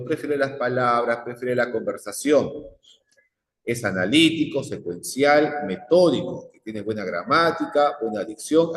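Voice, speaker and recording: A man gives a psychology lecture, firing repeated questions at the class. His mid-pitched voice rings through a large room, and a long reverb trails each phrase. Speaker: psychology teacher.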